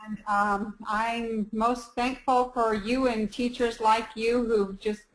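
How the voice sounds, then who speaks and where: A woman's voice: on the high side, fairly even intonation, slow pace, low-quality recording. A woman calling in to a live psychic show, speaking in a hesitant, grateful way with many restarts. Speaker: caller. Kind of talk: phone-in call.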